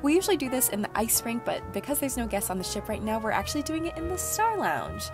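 A woman's voice: on the high side, big pitch swings, fast. A young woman in her twenties who works as a cruise ship entertainer, chatting upbeat to a handheld camera while getting around the ship. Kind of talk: casual vlog. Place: cruise ship cabins, lounges and decks. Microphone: handheld camera at arm's length. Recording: music bed under the voice.

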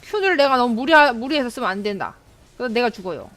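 A young woman with a high, bright voice commentates her game live. Her pitch jumps all over the place, and she turns excitable, letting out shrieks and laughs whenever something startles her. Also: fast talker, soft background music. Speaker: game streamer.

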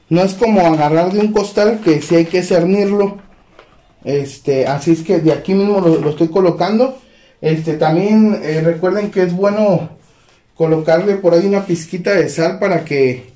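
A man hosting a home cooking demonstration, talking in a relaxed way with lots of fillers as he addresses viewers as friends. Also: sits high. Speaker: cooking channel host. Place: home kitchen. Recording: echoey kitchen with faint noise.

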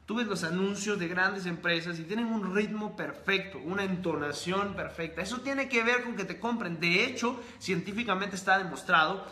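A man's voice: high voice, moderate pace, hardly any pauses, sharp tone. A man hosting a live stream, giving an emphatic motivational talk and answering viewer comments in long repeated lists. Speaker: host of a live stream on sales and reading. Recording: echoey room.

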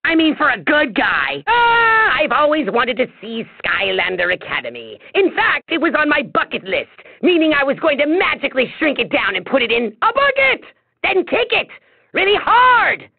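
A man voicing a vain, scheming little evil emperor in a video game, with a shrill gravelly voice and a pompous, theatrical, exclamatory delivery. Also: huge pitch swings, normal speed, no echo, heavily acted. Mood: grudging. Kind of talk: video game villain voice acting. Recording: thin, phone-like narrow-band sound.

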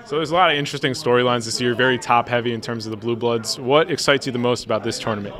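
Male sports interviewer, 30s, brisk upbeat questions, crowd noise behind. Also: mid-range voice. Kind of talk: media day interview. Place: media day room with backdrop. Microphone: handheld mic. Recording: busy room with crowd chatter.

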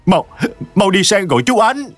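Man voicing a grieving son, storybook horror, stammering pleas, higher pitch, dry sound. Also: big pitch swings, moderate pace, dry recording, faint music behind. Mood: distraught. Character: grieving grown son, distraught and sobbing.

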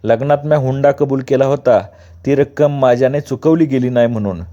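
A man's voice: mid-range voice, brisk, dark tone, natural voice. Guy doing a scared old village dad, meek and pleading, dull lo-fi audio.

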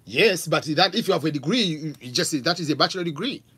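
Speaking quickly in a fairly high, breathy-edged voice, a Tanzanian-accented man in his forties from Tanzania reads out viewer questions on a live Q&A stream. He broadcasts from a home office through a stand-mounted studio mic with pop filter, animated and gesturing a lot.

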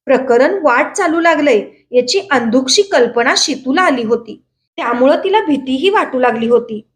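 A woman reading a novel aloud with expressive storytelling narration. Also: high voice, normal speed. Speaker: book reader.

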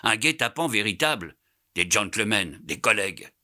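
A man reading an audiobook, voicing an excitable, loyal young French manservant who bursts out indignantly. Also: low voice, a little slow, exaggerated voice. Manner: indignant, animated outbursts.

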